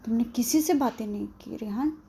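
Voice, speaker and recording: A woman's voice: fairly high pitch, moderate pace, warm tone, breathy edge. Brief: female storyteller doing an angry, loyal young wife in a storybook tale. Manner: angry, insistent.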